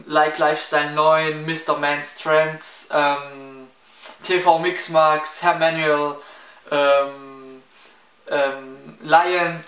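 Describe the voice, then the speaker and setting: A seventeen-year-old with a Swabian accent, from near Stuttgart in Baden-Württemberg, answers viewer questions in a casual Q&A vlog, rambling chattily with lots of fillers and restarts. His voice is fairly high with a sharp tone. He's indoors in a small room before window blinds, recorded in an echoey space with a slightly distant mic.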